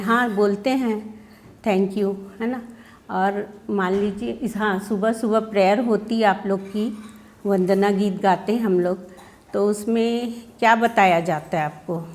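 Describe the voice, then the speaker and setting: Explaining through questions and often saying "है ना?", an Indian woman schoolteacher tells a workshop session how she teaches children, acting out their replies. She speaks with a medium-pitched, slightly mellow voice.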